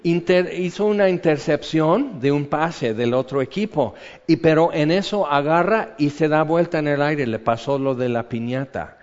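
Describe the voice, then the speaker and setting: A middle-aged man preaching a sermon, telling stories with lively acted-out voices. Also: normal speed. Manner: animated storytelling, acts out voices with big jumps in pitch and loudness. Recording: muffled sound in a long-echo hall.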